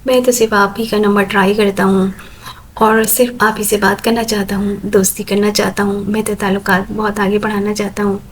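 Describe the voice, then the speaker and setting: A woman's voice: mid-range voice, level tone, slight background noise, natural voice. A woman voicing a coaxing phone caller.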